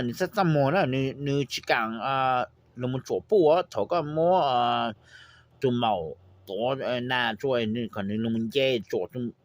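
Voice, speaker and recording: This poultry trainer's medium-pitched voice comes through without echo. He gives an informal spoken lesson on keeping birds, dropping in English phrases and regularly asking after his listeners.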